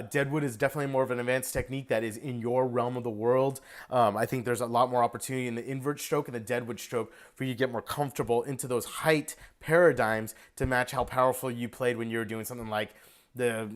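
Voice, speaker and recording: Energetic man singing drum rhythms. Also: medium pitch. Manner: energetic, sings rhythms aloud. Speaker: drum instructor giving feedback. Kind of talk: video lesson feedback.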